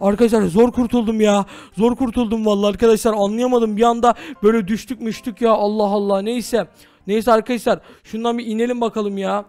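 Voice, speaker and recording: A young man doing excitable Minecraft role-play commentary, exclaiming and talking to viewers. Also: high voice, brisk, dry recording, faint music behind. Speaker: gaming YouTuber.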